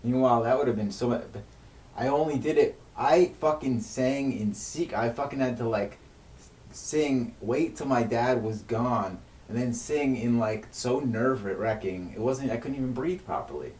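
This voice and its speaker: On a livestream, a streamer with a medium-pitched, slightly slow and mellow voice vents in an agitated, unscripted rant, swearing heavily and constantly breaking off to restart sentences. The distant mic picks up an echoey room and faint noise.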